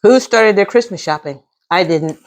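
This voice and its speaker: A middle-aged American woman with a mid-range, animated voice chats casually with her viewers at a normal pace while eating. As a mukbang host, she lets out savoring "mm"s between bites.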